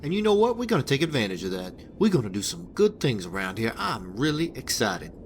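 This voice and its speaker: A man's voice: mid-range voice, sing-song, fairly quick, a little hiss or hum, natural voice. A man playing a crude, rambling wasteland hitman boss. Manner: profane, rambling, stammering restarts. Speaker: game character giving a hitman job. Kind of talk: video game dialogue.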